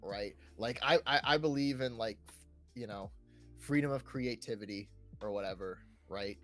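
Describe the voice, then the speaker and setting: A man co-hosts a gaming podcast, rambling casually about video games and tagging phrases with fillers and checking words like "like", "right" and "you know". He talks at normal speed in a fairly low, fairly bright voice over background music.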